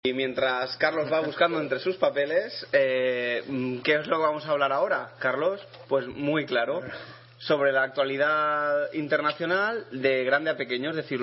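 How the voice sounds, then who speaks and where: A man's voice: a little high, steady tone, normal speed. A man hosting a radio show with casual, unscripted banter. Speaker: radio chess show host. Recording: dull, noisy radio sound.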